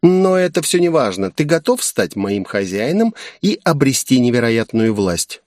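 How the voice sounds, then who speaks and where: A man's voice: medium pitch, sing-song, moderate pace, darkish tone, no room sound, clean studio sound, lightly acted. A man voicing a coy, playful female demon guardian in an audiobook, purring and teasing. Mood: eager. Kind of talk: audiobook character voice.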